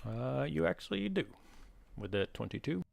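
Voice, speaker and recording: A man's voice: medium pitch, very animated, moderate pace, vocal fry, darkish tone, no echo. A man narrating a tabletop game as game master, explaining things in a casual, colloquial way.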